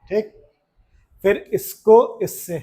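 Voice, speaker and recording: एक पुरुष शिक्षक कक्षा में छात्रों को पढ़ा रहा है, बार-बार सवाल पूछता है और मज़ाक में छेड़ता है।. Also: male voice, high-pitched, fairly even intonation, takes it slowly, dark tone. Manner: chatty, keeps asking questions, teasing. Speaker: teacher. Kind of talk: classroom lesson to students. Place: classroom.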